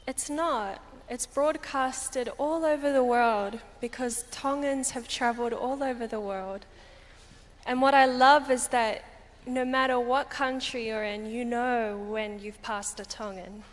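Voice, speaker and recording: A young woman giving a deliberate, emphatic pageant answer on stage. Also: sits high, fairly even intonation. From Australia. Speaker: pageant contestant. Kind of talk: prepared public answer on stage. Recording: long hall reverb, background noise.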